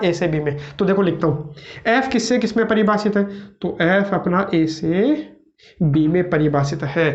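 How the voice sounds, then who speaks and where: A male math tutor teaching a lesson, who keeps asking rhetorical questions and answering them himself. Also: high-pitched. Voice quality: repeats his own questions with a drawn-out "bhai". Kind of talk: classroom math lecture. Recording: roomy, slightly dull lo-fi sound.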